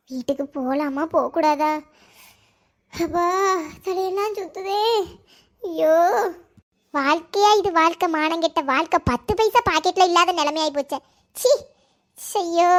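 Squeaky grumpy cartoon akka, kumari tamil accent, always complaining. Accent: Kanyakumari Tamil. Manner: grumbling, scolding and self-pitying. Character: moody young village woman, snappish elder sister.

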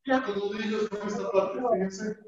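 A man teaching a martial arts class online, counting out drills and calling brisk commands. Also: high-pitched, steady tone, crowd noise. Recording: echoey room, distant mic, dull sound.

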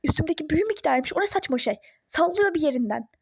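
A sarcastic, fed-up young mother in a phone-game role-play story, voiced by a woman. She talks high but with a mellow, dark tone, and snaps back with exasperation. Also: animated, racing, gravelly, slight background noise. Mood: exasperated. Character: irritable young pregnant mother, fed up, skeptical.

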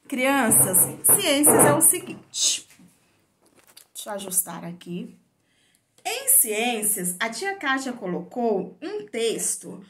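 A Brazilian Portuguese woman teaching young children on video, her voice a little high and swinging widely in pitch. She draws out her words slowly and with sing-song emphasis. The room echoes around her. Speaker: primary school teacher.

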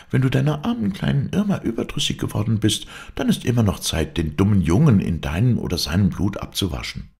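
A man's voice: lowish voice, gravelly, a little mellow, pitched above the performer's own voice, exaggerated voice. A man voicing a spirited young woman circus rider in an audiobook, talking in an urgent, playful rush. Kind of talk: audiobook character voice.

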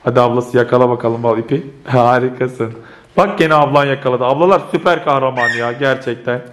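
A man with a hoarse voice filming his children at home, laughing and coaxing them in a casual family vlog. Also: medium pitch, fairly quick. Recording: noisy home recording.

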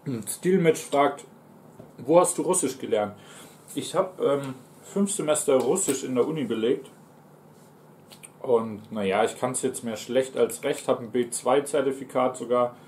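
Eating on a sofa in a small living room, a streamer and mukbang host in his twenties speaks with a German accent, reading out viewers' chat and answering between mouthfuls. His voice is mid-range, unhurried and darkish, with a little hiss or hum in the recording.

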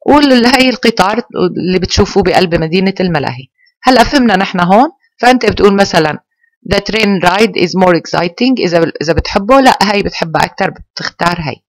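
Teacher talking to kids online, drawn-out english bits, dead dry mic. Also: mid-range voice, lively intonation, no echo. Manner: explains slowly, spelling out English phrases, direct to pupils. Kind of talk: online grammar lesson.

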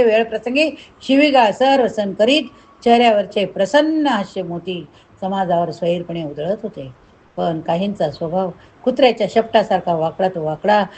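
A woman narrates a devotional saint's tale at an even, mid-height pitch. She reads with feeling and stops to draw lessons for her listeners. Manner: emotive, moralizing asides to listeners. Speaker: devotional storyteller. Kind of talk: reading a saint's life story aloud.

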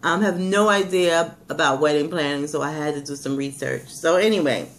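A woman's voice: low voice, moderate pace. A woman, chatting casually as a vlog host. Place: indoors, plain small room at home. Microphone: webcam microphone at arm's length.

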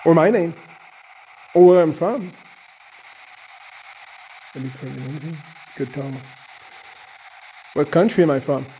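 A man leading a paranormal session with casual, halting questions addressed to spirits, pausing between short phrases. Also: on the high side, mellow. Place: inside a large underground cave. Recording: noisy handheld cave recording.

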